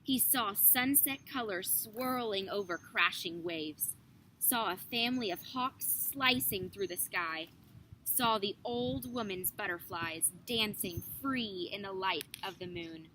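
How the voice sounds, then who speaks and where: A young woman narrating a children's picture book with measured, careful phrasing. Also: mid-range voice, pushed and bright, poor audio. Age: young adult. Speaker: student storybook reader. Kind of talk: scripted children's story narration. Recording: noticeable background noise.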